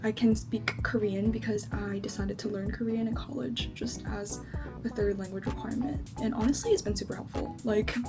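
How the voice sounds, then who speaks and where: A woman in her twenties who grew up speaking Chinese first in China chats casually through her makeup routine as a beauty vlogger, with plenty of likes and ums. Her voice is medium-pitched with fairly even intonation and a normal speed, and background music plays beneath it.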